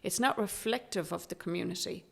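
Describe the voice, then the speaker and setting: A woman with an Irish accent answering as an interview guest in an earnest, measured, conversational way. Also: lowish voice, creaky, breathy edge. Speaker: interview guest, Traveller education activist.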